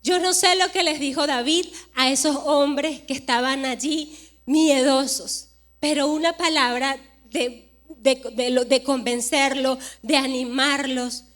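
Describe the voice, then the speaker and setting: A woman pastor in her forties preaching a sermon, telling a personal story with animated delivery and acted-out dialogue. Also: sits high, measured pace. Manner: animated storytelling, acting out dialogue with emphatic rises.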